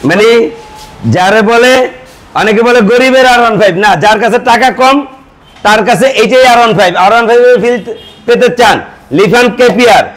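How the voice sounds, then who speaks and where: A man with a Bangladeshi Bengali accent giving a used motorbike sales pitch, reeling off features and prices item by item. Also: brisk, a bit bright.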